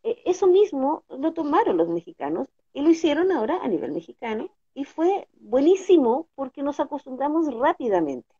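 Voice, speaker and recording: A woman's voice: sits high, big pitch swings, moderate pace, warm tone. A Chilean woman, a dubbing actress and teacher, explaining her craft in an interview, often checking in with her listener. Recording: dull lo-fi audio.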